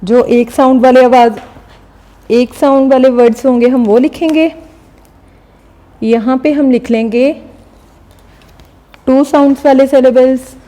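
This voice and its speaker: A woman teacher explaining a recorded lesson step by step, often pausing to check understanding. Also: high voice, steady tone, warm tone. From Pakistan. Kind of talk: recorded classroom lecture.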